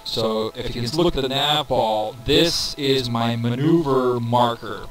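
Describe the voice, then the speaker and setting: A man with a mid-range voice narrates a casual gameplay tutorial at an unhurried pace, thinking aloud with fillers and counting down numbers. His cheap desk microphone adds reverb, and crowd noise sits behind him.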